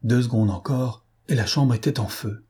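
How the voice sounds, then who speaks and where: A man narrating a novel as an audiobook in a measured, steady way. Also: mid-range voice, husky.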